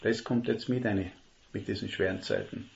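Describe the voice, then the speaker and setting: Man, sermon, emphatic, slows on key words, low gravelly voice. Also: a little mellow, a little hiss or hum. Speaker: lay preacher. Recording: dull lo-fi recording.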